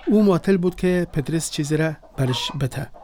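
A man's voice: fairly high pitch, warm tone, slight background noise, close to an everyday voice. A man playing a devout visitor telling a story, Afghan Dari accent. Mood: storytelling. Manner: earnest storytelling. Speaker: visiting friend who retells a story. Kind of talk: radio drama acting.

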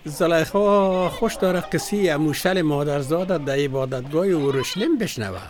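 A man's voice: a little high, close to an everyday voice. A man with an Afghan Dari accent, acting in a radio drama as a devout husband who patiently explains matters of faith. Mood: earnest. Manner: earnest, explanatory.

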